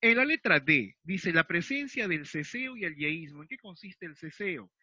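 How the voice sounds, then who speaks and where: A man teaching a recorded class, his voice set a little high for a man. He explains patiently and keeps checking in with the listener every few phrases. The recording is dry and somewhat dull, with little high end. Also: sing-song, moderate pace, pushed and bright, husky, dry recording. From Peru. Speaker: secondary school teacher. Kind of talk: recorded remote class lesson.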